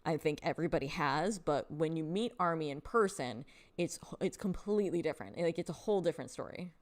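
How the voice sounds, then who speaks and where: A woman's voice: low-pitched, a little fast. A young woman hosting a casual live stream, chatting with viewers, reading their comments aloud and laughing often, with lots of fillers. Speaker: livestream host.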